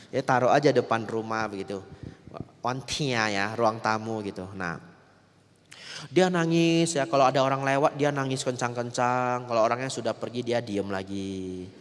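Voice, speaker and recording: A man, a Buddhist monk giving a lively dharma talk that often turns to the audience. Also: mid-range voice. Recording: long reverb of a large hall.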